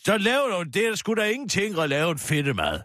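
On a radio comedy sketch, a male show regular plays a vain, drink-loving older woman TV host who's easily slighted. She rambles petulantly and indignantly, her fairly bright voice swinging widely in pitch before sinking into a low grumble. The recording is close and dry with no room sound.

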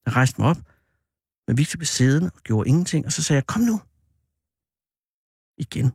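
A man hosting a show, telling a personal story in an animated, drawn-out way that turns hesitant, with many fillers. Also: mid-range voice, creaky, slightly rough, no echo, clean studio sound. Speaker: radio host.

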